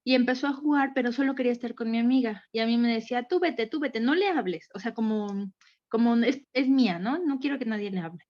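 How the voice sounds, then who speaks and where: A woman's voice: on the high side, quick pace, lo-fi sound. Overwhelmed woman telling a story. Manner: candid, rambling, acts out quotes. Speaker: group participant. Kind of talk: personal account in group session.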